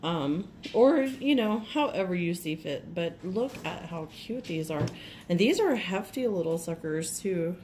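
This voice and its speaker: A woman with a cold, her voice a little rough, gushing chattily through an unboxing at home and clearing her throat often. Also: lowish voice, animated, a little slow, darkish tone, a little hiss or hum. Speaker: nail vlogger. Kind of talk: casual unboxing chat.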